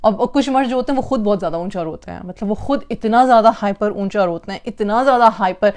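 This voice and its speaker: A woman's voice: mid-range voice, fast talker, darkish tone. A woman giving an emphatic parenting talk, repeating phrases for stress and mixing in English words. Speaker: parenting speaker. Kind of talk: lecture on parenting.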